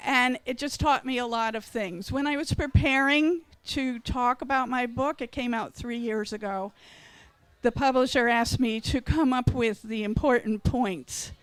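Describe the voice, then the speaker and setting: Smooth-voiced older woman author. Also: a little high, a little slow, dry recording, low-quality recording. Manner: earnest, reflective, reads in short list phrases. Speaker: author and retired educator. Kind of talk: reading at a book expo.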